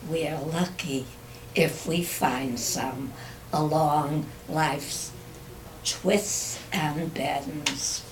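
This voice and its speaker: An older woman, a guest poet, reading her own poems aloud with a slow, measured recitation at a community club. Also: sits low, fairly even intonation, distant mic, background noise.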